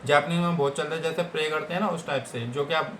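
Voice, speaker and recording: A man's voice: on the high side, fast talker, fairly bright tone, a little hiss or hum. A man with an Indian accent teaching Japanese vocabulary in a casual lesson, repeating each word and checking in with his listeners. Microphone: computer setup.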